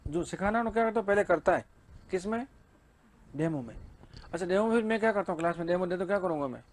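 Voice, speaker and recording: A man's voice: high-pitched, fast. A male teacher giving an exam-prep lecture, asking and answering his own questions and reading English lines in a Hindi accent.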